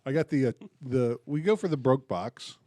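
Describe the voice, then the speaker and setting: A man with a dark, mellow voice chats on a podcast, teasing with dry wit while his pitch moves freely. The recording is dry and close. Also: animated, normal speed, dry recording. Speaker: podcast co-host. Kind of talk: casual chat.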